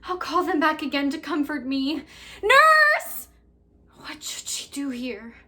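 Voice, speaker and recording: Actress doing juliet scared of the potion, high voice, very dramatic. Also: female voice, sing-song, slow, heavily acted. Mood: fearful. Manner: fearful, dramatic, swings from hush to cries. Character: young Juliet, terrified before the potion. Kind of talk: Shakespeare monologue performance.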